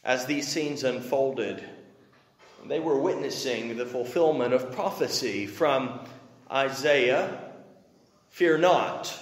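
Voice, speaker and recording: A man preaching a dramatic sermon, swinging from loud declaiming to hushed, low tones. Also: slow pace. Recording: echoey hall with long reverb.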